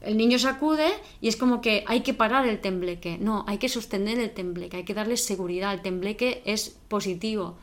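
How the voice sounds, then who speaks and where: A woman's voice: mid-range voice, fairly quick, few pauses. A woman in casual conversation, telling a story and explaining ideas with acted-out quotes and frequent "¿vale?" check-ins. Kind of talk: conversational talk on emotional regulation.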